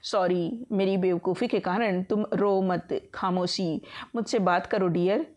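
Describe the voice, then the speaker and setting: A remorseful young man from an audiobook novel, read by a woman narrator. He pleads and apologizes earnestly. The voice stays at an ordinary middle pitch. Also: fairly even intonation, unhurried, darkish tone, lo-fi sound, natural voice.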